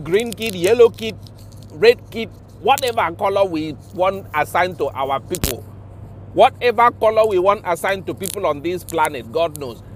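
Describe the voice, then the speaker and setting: A man's voice: high-pitched, slight background noise. A man with a Nigerian accent, mixing Pidgin and English in an indignant, impassioned vlog rant, swearing and repeating himself for emphasis. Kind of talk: ranting vlog monologue.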